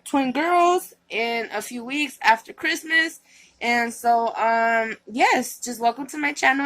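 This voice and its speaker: A woman with a somewhat high voice chats casually to her viewers. She rambles, restarts her sentences and leans on fillers. She sounds a little worn out. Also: a bit bright, low-quality recording. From California. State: tired. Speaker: vlogger. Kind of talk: casual vlog chat.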